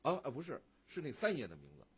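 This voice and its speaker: A man's voice: medium pitch, wildly swooping pitch, quick pace, a bit bright, slightly rough. A male radio co-host in casual chat, retelling a story with many fillers.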